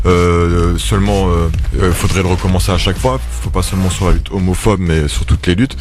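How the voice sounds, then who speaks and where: A man speaking as a guest in a casual radio panel discussion, quick and hesitant, with many restarts. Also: low voice, steady tone, over music.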